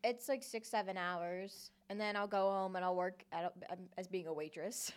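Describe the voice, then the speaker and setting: Young woman on student radio, mid-pitch voice, rambles with lots of likes. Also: fairly even intonation, normal speed, clear, resonant tone. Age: young adult. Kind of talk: casual chat.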